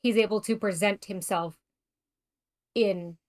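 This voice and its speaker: A woman's voice: mid-range voice, steady tone, a little slow, a little mellow. A woman co-hosting a casual book podcast, thinking aloud in hedged, restarting sentences. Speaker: podcast co-host.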